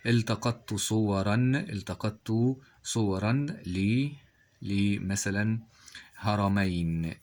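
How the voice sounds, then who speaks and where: Low-voiced man teaching grammar. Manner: poses quiz questions and answers them himself; reads example sentences slowly. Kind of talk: grammar lesson explanation.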